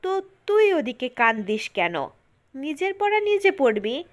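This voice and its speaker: A woman's voice: sits high, very animated, measured pace. A woman voicing a spirited young female student who scolds and talks back indignantly. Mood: teasing, scolding.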